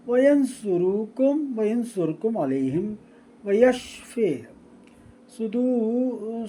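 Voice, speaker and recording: A man with a high, mellow voice teaches recitation, chanting each verse in a slow, drawn-out melody. Between the verses he drops into quick spoken explanations and goes back to correct how a word should be said. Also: low-quality recording. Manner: corrects his own pronunciation aloud. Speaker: religious teacher.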